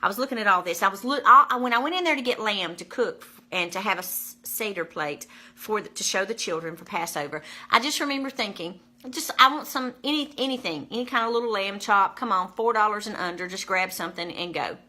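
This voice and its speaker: Bright-voiced woman giving an emphatic testimony. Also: medium pitch, a little fast, few pauses. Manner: emphatic, repeats numbers, exclamatory. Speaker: vlogger sharing a faith testimony. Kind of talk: casual spoken testimony.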